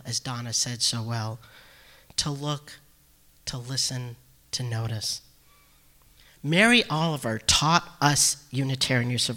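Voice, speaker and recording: A male minister giving a sermon in a slow, reflective way with long pauses. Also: medium pitch, bright, forceful tone.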